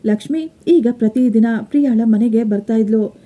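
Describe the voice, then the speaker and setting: A woman reading a scripted moral story as narrator, in a steady, emotive manner. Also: a little high, normal speed, dull audio.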